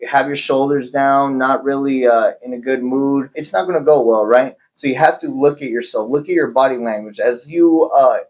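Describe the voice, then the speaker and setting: A man's voice: mid-range voice, moderate pace, few pauses, a little mellow, poor audio. A man, a real estate agent, giving plain advice on cold calling with some fillers. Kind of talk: sales training talk.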